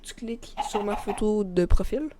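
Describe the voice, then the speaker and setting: A woman's voice: medium pitch, normal speed, noisy background. A woman with a Québécois accent streaming a video game, chatting informally and in a rambling way straight to a viewer. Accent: Québécois French. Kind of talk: casual live stream chat.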